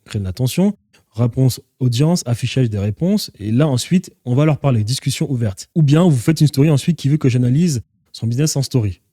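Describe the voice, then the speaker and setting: A man's voice: mid-range voice, animated, a little fast, dark tone, breathy edge, no room sound, studio quality. A man teaching an online course as a business coach, speaking directly to viewers and laying out steps in short, clipped phrases. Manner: direct, instructive, addresses viewers as "vous".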